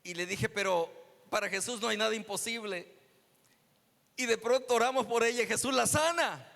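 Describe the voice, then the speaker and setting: In an echoey church hall, a man preaching as a guest pastor tells a healing story as testimony, voicing the dialogue himself. He speaks at a normal speed in a high, gravelly voice that's a bit bright.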